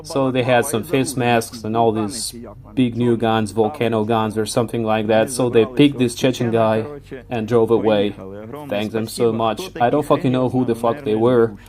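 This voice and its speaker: A middle-aged man from Ukraine, bluntly recounting combat with heavy swearing and shouted orders acted out. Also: medium pitch, level tone, normal speed, a crowd in the background. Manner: profane, vivid, acts out shouted radio orders. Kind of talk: blunt war storytelling.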